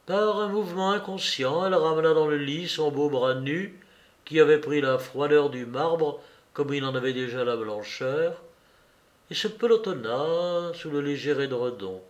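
Slow, measured male audiobook narrator. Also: on the high side. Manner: measured, literary delivery. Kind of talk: audiobook reading of a classic novel.

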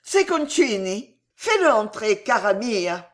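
A woman's voice: medium pitch, very animated, takes it slowly, voice pushed up. A woman voicing an agitated, imperious middle-aged queen in a read-aloud historical novel, with pleading and commanding outbursts. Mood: joyful.

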